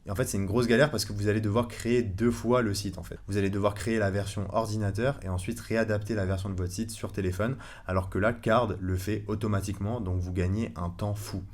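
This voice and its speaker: A man giving a casual screen-recorded tutorial, chatty and relaxed, with many fillers and self-corrections. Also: fairly low pitch, fast, hardly any pauses. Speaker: online course instructor.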